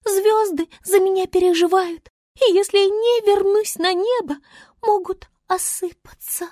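A woman's voice: very high voice, fairly even intonation, measured pace, darkish tone, dry recording, studio quality, voice pushed up. A woman voicing a dramatic, haughty female star who talks in a theatrical, wailing, bossy way.

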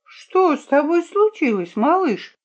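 A woman's voice: high-pitched, big pitch swings, a little slow, voice pushed up. A woman voicing a bold, fiery young princess who speaks fiercely and scolds, in a dull lo-fi audiobook recording. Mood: kindly.

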